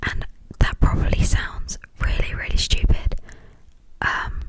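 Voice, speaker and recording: A young adult from the United Kingdom speaks in a hushed, breathy whisper, rambling informally and hesitantly in an ASMR style. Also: a little slow, low-quality recording. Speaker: ASMR video creator.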